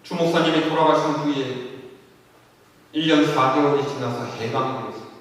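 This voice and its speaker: A man's voice: medium pitch, fairly even intonation, normal speed, a bit bright. A man pastor telling a story in an earnest sermon, rising in intensity at moments of grief. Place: church sanctuary. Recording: echoey church hall from far off.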